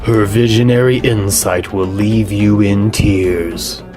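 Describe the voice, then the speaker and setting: Man as manic radio host, low voice, grandiose, sardonic, morbid, music behind. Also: steady tone, slow. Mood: dramatic announcing. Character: flippant, manic male underground radio host, gleefully morbid. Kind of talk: theatrical radio hosting and mock ad narration.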